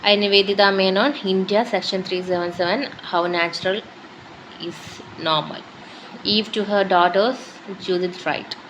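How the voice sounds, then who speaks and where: A woman's voice: medium pitch, steady tone, slow, a bit bright, highs cut off, slight background noise. A woman with a Malayali accent reading out a course syllabus as a list of topics, in short phrases that switch between English and Malayalam. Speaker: teacher going through a syllabus.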